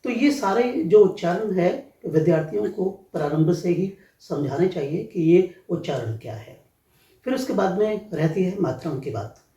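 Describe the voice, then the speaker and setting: A man who teaches Hindi, explaining pronunciation in an interview and spelling out sounds one by one in a measured way. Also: high-pitched, expressive, mellow, roomy sound, far from the mic, highs cut off.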